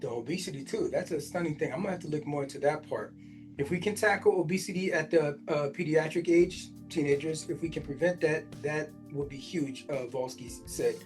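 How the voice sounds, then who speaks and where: A man's voice: a little high, a little fast, soft background music. A man in his forties hosting a podcast, reading a news article aloud and stopping often to react in casual asides full of fillers. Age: 40s. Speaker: podcast host.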